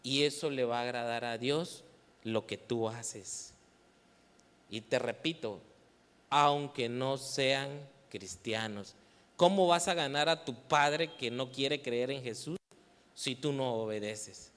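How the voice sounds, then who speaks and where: In a reverberant church hall, a man with a Mexican Spanish accent preaches a sermon to a youth meeting. His mid-range voice is slow, clear and resonant, with a fairly bright tone. He asks the audience questions, waits for their answers and teases them playfully.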